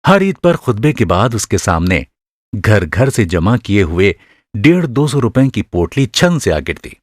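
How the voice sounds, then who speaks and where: A man narrates a radio drama with literary, dramatic delivery, his low voice full of very lively intonation. The recording is dry and close, with no room sound.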